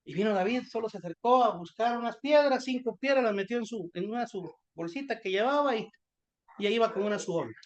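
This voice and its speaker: A Guatemalan-accented preacher delivers a sermon as lively storytelling. He mixes humor with fervent preaching. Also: high voice, fast talker, lo-fi sound.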